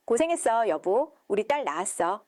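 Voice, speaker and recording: A woman reading the lines of a gentle young husband, soft and reassuring. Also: a little high, big pitch swings, moderate pace, dry recording, clean studio sound.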